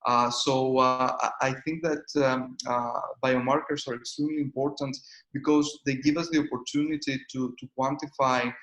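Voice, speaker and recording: A Greek-accented man in his thirties speaks in an even, flat tone, stopping often with "uh" between phrases. His voice sits at an ordinary pitch, and the room around him sounds echoey. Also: moderate pace. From Greece. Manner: hesitant, many "uh" fillers. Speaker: startup founder and CEO. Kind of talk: conference interview.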